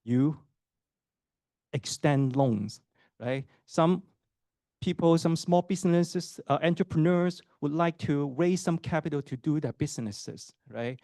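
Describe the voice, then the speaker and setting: With a slightly high voice and a dark tone, this middle-aged man from Hong Kong speaks unhurriedly in a clean, echo-free studio recording. He is an associate professor giving an admissions talk to students and parents, conversational throughout, quizzing the audience and peppering his speech with fillers and "right?"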